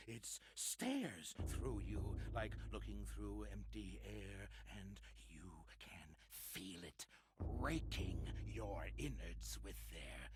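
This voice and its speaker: An actor playing a deranged man who raves about monsters, lurching between hoarse whispers and manic shouts in a theatrical horror monologue. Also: lowish voice, heavy background noise. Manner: theatrical, archaic turns of phrase. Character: deranged male survivor raving about monsters.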